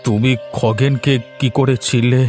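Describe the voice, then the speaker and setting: A man voicing a wordy, fussy elderly village gentleman in a cartoon. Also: medium pitch, steady tone, unhurried, over music, natural voice. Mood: weary, grateful. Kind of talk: cartoon voice acting.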